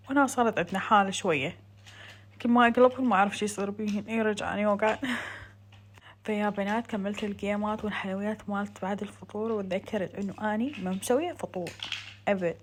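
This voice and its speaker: A woman's voice: medium pitch, slight background noise. A woman with a southern Iraqi Arabic accent doing a casual, chatty vlog voice-over, talking to viewers like friends as a home cooking vlogger. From Iraq.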